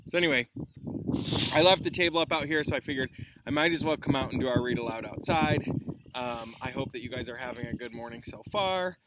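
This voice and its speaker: A male teacher with a mid-range voice reads a storybook aloud to children at a fairly quick pace, adding informal explanatory asides. They are outdoors in a chilly llama pasture, and the recording is clearly noisy, with clicks.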